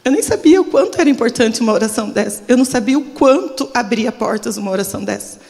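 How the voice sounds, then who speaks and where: Pastora brasileira emocionada, voz aguda num salão de igreja com eco longo. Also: female voice, fairly high pitch, expressive, fast, gravelly, a little mellow. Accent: Brazilian Portuguese. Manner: emotional, confessional, trembling with nerves. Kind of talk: testimony sermon. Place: church service. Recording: long church hall reverb.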